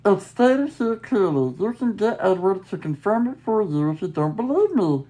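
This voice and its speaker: A woman's voice: mid-range voice, big pitch swings, moderate pace, mellow, pitched above the performer's own voice, poor audio. A woman voicing a smug, imperious male businessman suitor in a story game, taunting and possessive.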